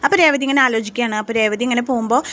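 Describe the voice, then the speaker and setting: A woman's voice: a little high, rapid-fire, fairly bright tone. A woman casually retelling a TV serial episode for her channel, chatty and full of restarts. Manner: chatty, strings clauses together with many restarts. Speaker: TV serial recap channel host.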